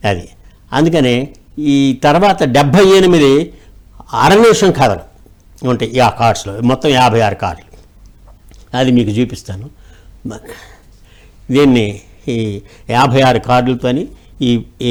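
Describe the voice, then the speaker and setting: A man telling short moral tales with lively voice changes and mimicry. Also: medium pitch, a little slow, pauses often. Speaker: storyteller guest. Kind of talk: animated storytelling.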